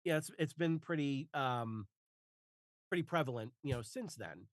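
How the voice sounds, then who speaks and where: A man in his forties speaks in a casual podcast conversation. His voice sits at a middle pitch and sounds dry, with no room around it. He stops and restarts his phrases and fills the gaps with "uh" and "you know". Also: lively intonation, normal speed, no echo. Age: 40s. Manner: hesitant, restarts phrases with many fillers. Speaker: guest author and narrator.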